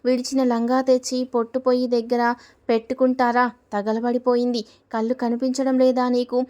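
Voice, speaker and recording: A woman's voice: on the high side, level tone, moderate pace, a little mellow, dull audio, close to an everyday voice. A woman doing a spiteful, sneering sister-in-law. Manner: sneering and scolding.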